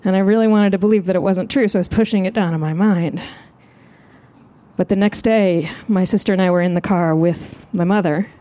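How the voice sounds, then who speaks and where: A woman comedian telling a comic story live on stage, animated and self-mocking. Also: brisk. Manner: animated, self-mocking, jumps into high voices. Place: live show outdoors.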